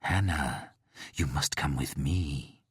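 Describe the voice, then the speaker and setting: A man voicing a sinister male serial killer in a low, hushed, menacing murmur. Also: slow, husky, no echo, clean studio sound, exaggerated voice. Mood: coaxing.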